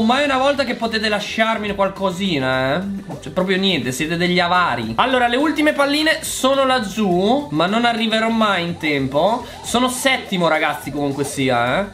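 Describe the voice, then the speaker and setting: A man's voice: sits high, fairly bright tone. A man with an Italian accent giving casual gameplay commentary, chatty and exasperated, talking straight to his viewers. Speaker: gaming YouTuber.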